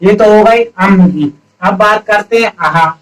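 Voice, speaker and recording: A man's voice: high voice, slow, distant mic, poor audio. A man teaching a grammar lesson step by step, asking his students questions and then answering them himself. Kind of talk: classroom-style lesson.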